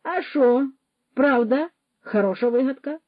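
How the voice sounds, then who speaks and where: A woman's voice: high-pitched, unhurried, no echo, highs cut off, voice pushed up. A woman voicing a boastful, pushy young male ex-soldier who mixes Russian words into his speech, in a storybook reading.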